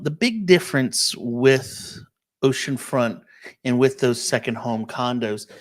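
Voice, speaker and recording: A man, a real estate agent, giving a casual live-stream walkthrough of listings and answering viewer questions, checking in often with "okay?". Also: medium pitch. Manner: casual, explanatory, many "um" and "okay?" check-ins.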